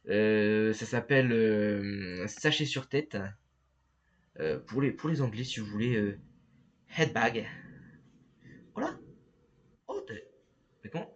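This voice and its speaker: A man streaming a game live, talking to his chat in a halting, stammering way and reading the screen aloud. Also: on the low side, lively intonation, muffled recording. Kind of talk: live gameplay commentary.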